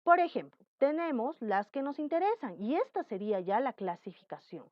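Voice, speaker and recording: A woman's voice: high-pitched, dry recording, lo-fi sound. A woman teaching a grammar lesson, explaining patiently and acting out example sentences. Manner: explains slowly, acts out example sentences with lively intonation.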